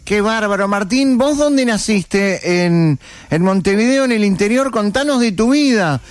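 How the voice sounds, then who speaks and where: A man's voice: high voice, animated, a little slow. A man with a Rioplatense accent hosting a radio interview, asking questions with enthusiasm. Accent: Rioplatense Spanish. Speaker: radio host.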